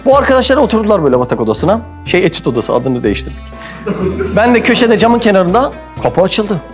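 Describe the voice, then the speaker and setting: A man from Mersin, Turkey hosting and telling a comic anecdote in a lively way, acting out quoted voices. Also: high voice, quick pace, faint music behind. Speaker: host and storyteller. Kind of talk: animated comic anecdote storytelling.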